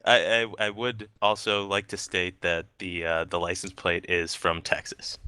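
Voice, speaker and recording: A man playing a tabletop game, speaking haltingly with repeated words and fillers. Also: low-pitched, flat delivery, sharp tone, clear, resonant tone. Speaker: player. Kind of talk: casual tabletop play.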